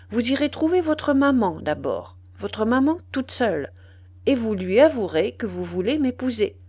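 A woman reading a classic novel aloud as scripted narration, measured and calm, giving the dialogue a soft acted touch. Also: a little high. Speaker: audiobook reader.

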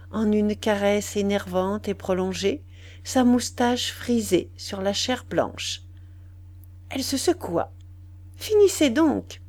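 A woman reading a classic novel aloud in calm, measured narration. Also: medium pitch. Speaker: reader.

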